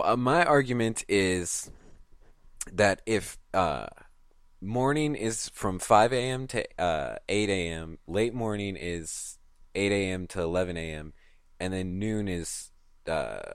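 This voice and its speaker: Low-voiced man in swearing podcast banter. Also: slow, dry recording, clean studio sound. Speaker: podcast co-host. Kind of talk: casual podcast chat.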